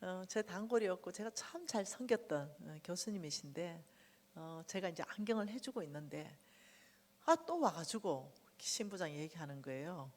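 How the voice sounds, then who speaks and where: Woman, middle-aged, testimony sermon, lively storytelling, long church-hall reverb. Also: lowish voice, normal speed. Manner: animated storytelling, acting out quotes loudly. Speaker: guest speaker at a church revival meeting. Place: church sanctuary.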